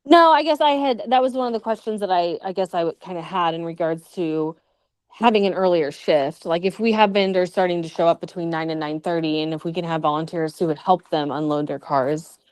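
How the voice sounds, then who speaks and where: A woman's voice: on the low side, brisk, darkish tone, no echo. A woman giving an informal update as a volunteer coordinator at a meeting, tentative and thinking aloud as she goes.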